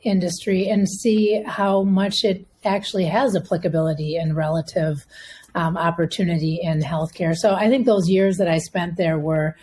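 A woman's voice: on the low side, steady tone, normal speed, a little mellow, slight background noise. A woman in her fifties with a Minnesota accent, a healthcare executive answering podcast interview questions conversationally, with frequent restarts and fillers.

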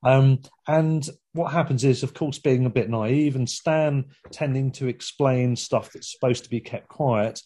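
A man's voice: mid-range voice, measured pace, few pauses, dark tone, husky. A man in a casual film discussion, telling the plot in a rambling way with many fillers. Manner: rambling, with frequent fillers and laughs.

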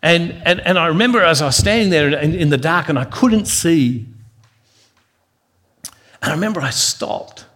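A man's voice: fairly high pitch, expressive, moderate pace, long pauses, fairly bright tone. Earnest man preaching a devotional sermon. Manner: earnest, repeats words as he builds a point. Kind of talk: devotional sermon with personal storytelling.

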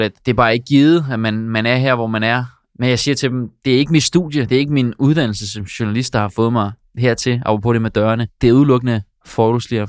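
Young man telling stories, smooth clear voice. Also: on the low side, no room sound, studio quality. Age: 20s. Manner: chatty, with many fillers and restarts. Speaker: podcaster and sports commentator. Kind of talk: relaxed interview storytelling.

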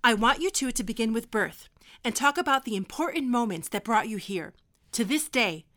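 A woman's voice: on the high side, lively intonation, moderate pace, a bit bright. A woman acting a stern, lecturing history teacher keeping two students in detention. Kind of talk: audio drama acting.

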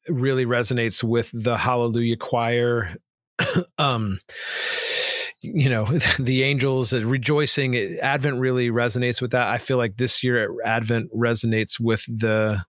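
A house church pastor talking loosely on a podcast, circling back and restarting his sentences. His voice sits at a middle pitch. The recording is dry and close. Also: no room sound. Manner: rambling, restarts, warm enthusiasm, says dude and man. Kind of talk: casual conversational podcast.

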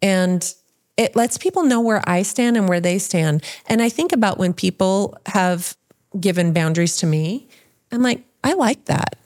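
A woman's voice: mid-range voice, moderate pace, darkish tone. A woman hosting a casual podcast discussion, talking in a reflective way and asking the others questions.

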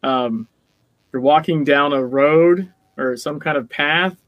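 Laughing, rambling man, somewhat high voice. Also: slow pace, no room sound, highs cut off. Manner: rambling, self-interrupting, laughs often. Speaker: podcast co-host. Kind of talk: casual chat.

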